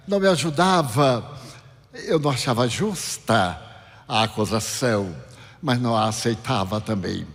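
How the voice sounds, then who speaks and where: Brief: male spiritual speaker with a Bahian accent, theatrical storyteller, animated delivery, recorded with long reverb in a lecture hall. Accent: Brazilian Portuguese, Bahian. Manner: dramatic storyteller with big swings in pitch and loudness.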